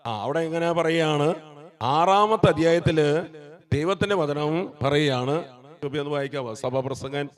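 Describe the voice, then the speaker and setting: A man's voice: fairly high pitch, measured pace. A man preaching a sermon to a congregation, asking questions and urging them to repeat his words back. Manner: exhorts the congregation to repeat after him; asks the crowd questions and prompts replies. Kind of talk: call-and-response sermon.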